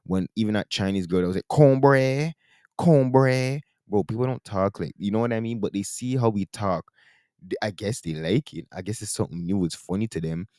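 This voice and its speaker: A man's voice: low voice, quick pace, mellow, no room sound, clean studio sound. A man with a Caribbean-influenced Toronto accent, giving casual, opinionated commentary in emphatic, repetitive slang. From Toronto, Canada. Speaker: commentary video host.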